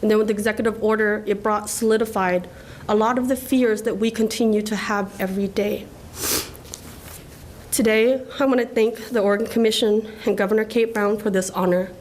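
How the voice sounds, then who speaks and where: A woman's voice: medium pitch, steady tone, brisk, darkish tone, slight background noise, low-quality recording. A woman from Laos in her forties giving an earnest, emotional award acceptance speech at a podium. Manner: earnest, emotional, tearful at times. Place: government ceremony room.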